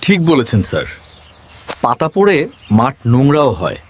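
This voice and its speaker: A man's voice: medium pitch, wildly swooping pitch, moderate pace, background noise. A man voicing an obliging helper who agrees with his boss in a children's cartoon. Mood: agreeable. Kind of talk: cartoon voice acting.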